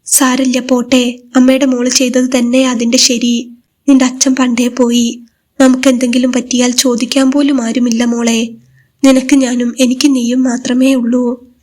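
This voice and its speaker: A woman's voice: sits high, little pitch movement, normal speed, a little mellow. A woman voicing a middle-aged widowed mother in a spoken story, soothing yet cautioning her daughter. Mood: gentle, firm.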